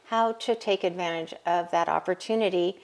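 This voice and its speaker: A woman's voice: on the low side, normal speed. Woman college counselor explaining her work. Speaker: college counselor and business owner. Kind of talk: interview answers.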